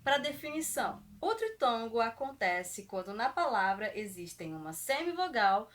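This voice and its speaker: A young woman teaching a grammar lesson, patiently repeating example words and stretching them out slowly. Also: fairly high pitch, very animated, a bit bright. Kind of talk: explaining grammar to viewers.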